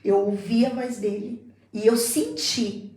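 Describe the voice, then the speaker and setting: A woman's voice: a little high, steady tone, slow pace, a little mellow, echoey room, poor audio. A middle-aged woman in casual chat, telling an emotional faith testimony and repeating herself for emphasis. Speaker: guest.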